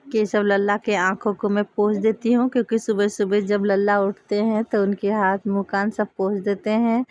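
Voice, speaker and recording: A woman calmly showing a home worship routine step by step, speaking gently and affectionately. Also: mid-range voice, moderate pace, dry recording, dull audio. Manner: gentle, affectionate, speaks softly to the idols as to babies. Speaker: devotional home vlogger. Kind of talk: calm step-by-step ritual demonstration. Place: home puja area, indoors.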